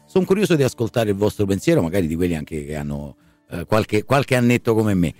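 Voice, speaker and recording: Lively low-voiced male radio host. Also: brisk, no echo, soft background music. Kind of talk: conversational live radio hosting.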